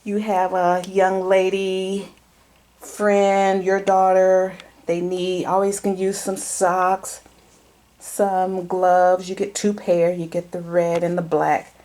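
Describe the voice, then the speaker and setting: A woman's voice: fairly low pitch, little pitch movement, slow, warm tone. A woman chatting casually as she shows off gift baskets, filming with a camera she holds herself. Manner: chatty, repeats herself, many fillers. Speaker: lifestyle vlogger showing gift baskets. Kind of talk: casual show-and-tell vlog. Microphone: handheld camera she operates herself.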